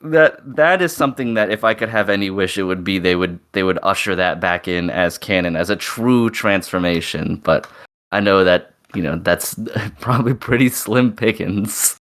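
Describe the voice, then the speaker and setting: A man's voice: low voice, normal speed, a bit bright. A man on a fan podcast panel, chatting enthusiastically and rambling with lots of fillers. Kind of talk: casual chat.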